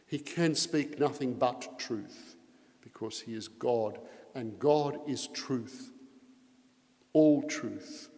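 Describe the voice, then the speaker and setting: Priest preaching with cathedral echo. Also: male voice, medium pitch, slow pace, a little mellow. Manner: earnest preaching with strong emphasis on key phrases. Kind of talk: Mass gospel reading and homily. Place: large church. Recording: long echoing reverb of a large church.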